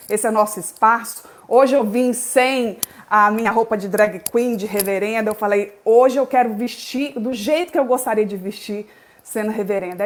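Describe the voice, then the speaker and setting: A woman, a reverend and theologian speaking assertively and conversationally as a guest on a live-streamed panel. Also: medium pitch. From Belo Horizonte, Brazil.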